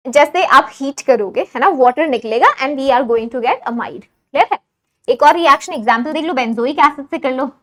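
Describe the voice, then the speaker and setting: A high-pitched woman runs an online chemistry lecture for exam students. She switches between Hindi and English in the same sentence. She keeps stopping to quiz her viewers and asks whether each step is clear. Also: unhurried, fairly bright tone. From India. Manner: mixes Hindi with English phrases. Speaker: chemistry teacher.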